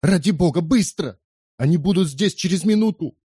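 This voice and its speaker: A man voicing a panicked young male servant who shouts urgent warnings in an audiobook. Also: high-pitched, lively intonation, moderate pace, husky, no echo, studio quality, pitched above the performer's own voice.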